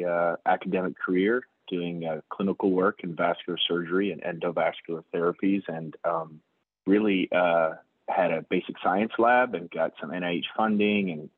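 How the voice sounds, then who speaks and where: A man's voice: low voice, dry recording. A middle-aged man, a surgeon and hospital executive, answering interview questions thoughtfully with frequent fillers and restarts. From United States. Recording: tinny phone-like line.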